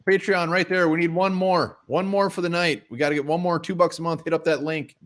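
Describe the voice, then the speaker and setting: A man's voice: fairly high pitch, steady tone, fairly quick, fairly bright tone, slight background noise. A man co-hosting a casual live sports show, joking bluntly and swearing freely. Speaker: sports podcast co-host.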